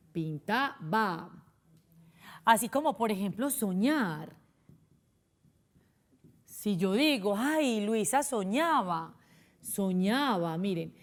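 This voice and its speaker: A young adult woman with a Colombian accent teaching a spelling lesson to children on a television program, patient and explanatory, often asking them questions. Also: mid-range voice. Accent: Colombian Spanish. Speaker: primary school teacher.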